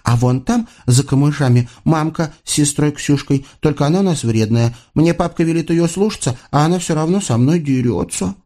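A man's voice: a little high, moderate pace, few pauses, mellow, voice pushed up, natural voice. A man voicing a chatty, naive little Cossack girl who talks innocently.

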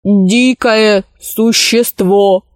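Woman voicing a ship's service robot, stubborn, literal-minded, slow and measured, storybook reading, dry sound. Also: medium pitch, fairly even intonation, dry recording. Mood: mournful.

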